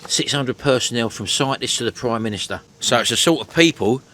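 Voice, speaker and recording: A man's voice: mid-range voice, fairly quick, bright, forceful tone, a little hiss or hum. A middle-aged man hosting a casual walk-and-talk vlog, chattily addressing his viewers. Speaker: vlog host. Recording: music behind the voice. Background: music.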